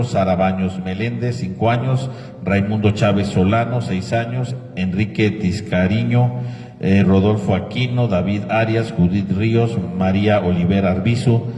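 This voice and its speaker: A low-voiced priest, preaching and leading prayers in a big church. Heard from a distance across the nave, his words trail off into a long cathedral echo that lingers after each phrase. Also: a little mellow. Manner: preacherly, rhetorical questions. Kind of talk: homily and prayers at Mass. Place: large church. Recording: echoey church hall from far off.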